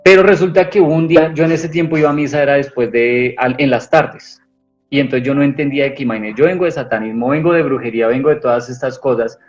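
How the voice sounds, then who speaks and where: This man talks fast at a medium pitch, earnestly describing his own experiences for an interviewer while rambling and restarting many times. The lo-fi recording sounds dull, and music plays faintly.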